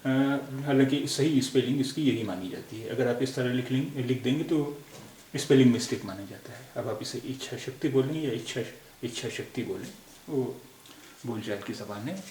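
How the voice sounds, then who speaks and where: A man from India teaching a language lesson, patiently going over spelling corrections and repeating each word with many pauses. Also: mid-range voice, darkish tone, roomy sound, a little hiss or hum.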